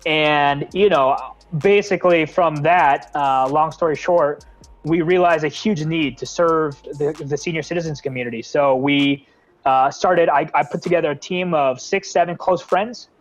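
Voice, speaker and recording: At normal speed and with a slightly high voice, the young American nonprofit founder answers interview questions earnestly. He's from the Bay Area, and his casual talk has many fillers and restarts.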